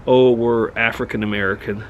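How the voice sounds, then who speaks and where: A man's voice: mid-range voice, flat delivery, fairly quick, dull audio, a little hiss or hum. A middle-aged man from Switzerland rambling in a casual monologue, restarting often as he thinks aloud. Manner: rambling, musing, many restarts. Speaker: vlogger.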